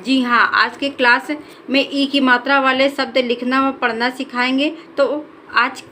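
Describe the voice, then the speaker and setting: A high-voiced woman leads a children's reading lesson, drawing each syllable out long and clear. Her delivery is unhurried, and a faint hiss sits behind her voice. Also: flat delivery, sharp tone. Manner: drawn-out syllables, slow and clear. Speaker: teacher.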